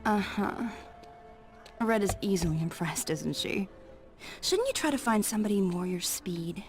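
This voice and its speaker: Actress as flirty, lively female cat burglar. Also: medium pitch, a little slow, music in the background, lightly acted. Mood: teasing, flirty. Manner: coy, playful taunting. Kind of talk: video game cutscene acting.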